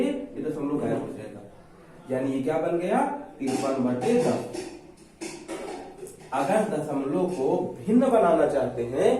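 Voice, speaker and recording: A man teaching a maths lesson, who asks his students questions, answers them himself and repeats rules slowly. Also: sits high, mellow. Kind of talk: exam-prep maths lesson. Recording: echoey room, far from mic, faint noise.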